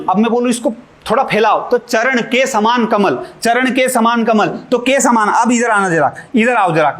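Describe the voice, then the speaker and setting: High-voiced man teaching grammar. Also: a bit bright. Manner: asks questions and answers them himself, with jokes. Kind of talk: exam-prep lesson.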